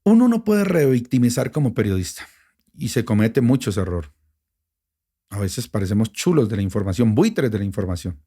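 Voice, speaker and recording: A middle-aged man with a Bogotá Colombian accent, a radio journalist telling a personal story in an interview, emotional and animated, with many restarts. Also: fairly low pitch, normal speed, slightly rough. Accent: Bogotá Colombian Spanish. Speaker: radio journalist and station director.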